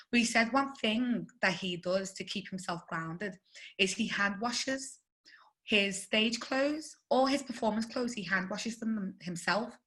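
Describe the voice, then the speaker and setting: Scouse woman guest, bright ringing voice, animated storyteller who laughs a lot, video-call audio. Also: mid-range voice. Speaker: guest journalist and presenter. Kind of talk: video-call webinar interview.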